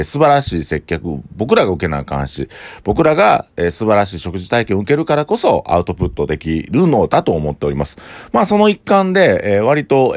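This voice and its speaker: A man's voice: sits low, no echo. Man, Kansai accent, podcast host, rambling with fillers, dry close sound. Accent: Kansai Japanese. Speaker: podcast host and restaurant owner. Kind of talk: casual solo podcast talk.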